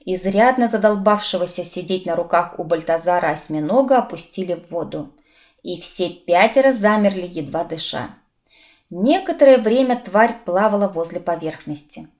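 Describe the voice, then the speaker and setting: A woman narrating an audiobook in a lively, expressive reading. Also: on the low side, normal speed.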